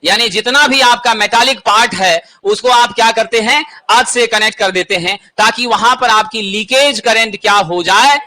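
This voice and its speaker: A man's voice: sits high, normal speed, few pauses, sharp tone. A man teaching an exam-prep lesson, asking questions and answering them himself.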